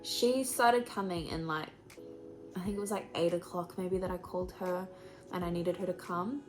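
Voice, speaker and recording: Chatty young woman with a low voice. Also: normal speed, music in the background, poor audio. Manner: chatty and animated, laughs often, acts out quotes. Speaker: vlogger telling her birth story. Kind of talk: casual storytelling vlog.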